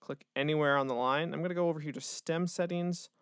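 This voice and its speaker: A man, a music educator, casually walking through a software tutorial step by step, with the odd filler word. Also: a little high, fairly even intonation, fast, clean tone, dry recording, clean studio sound. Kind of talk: screen-recorded software tutorial.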